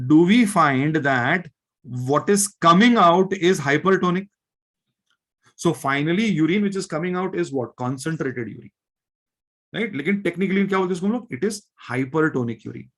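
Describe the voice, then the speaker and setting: A male biology teacher with an Indian accent, lecturing a live class, mixing Hindi and English and often checking that students follow. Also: fairly high pitch. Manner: reads textbook lines slowly, then explains them.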